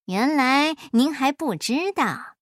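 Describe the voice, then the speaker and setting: A woman voicing a clever, mischievous folk hero who teases in a calm, sly way in a storybook reading. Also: high-pitched, slow pace, no room sound, studio quality. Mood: sly teasing.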